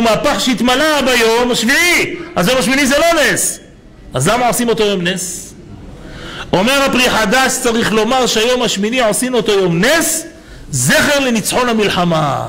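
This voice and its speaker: A man, a rabbi, giving a sermon with lively storytelling and many rhetorical questions to his listeners. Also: very high-pitched, poor audio. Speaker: rabbi giving a Torah lesson.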